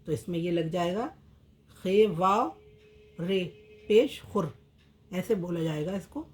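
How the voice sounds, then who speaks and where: A woman teaching Urdu script in a slow lesson, repeating each word several times as she writes it out. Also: fairly low pitch, animated. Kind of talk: slow step-by-step language lesson.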